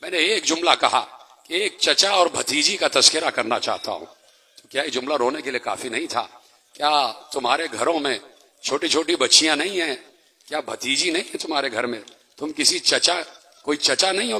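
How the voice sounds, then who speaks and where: A man preaching an impassioned mourning sermon, exhorting the crowd with rapid rhetorical questions. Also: a little high, lively intonation, bright, forceful tone, husky.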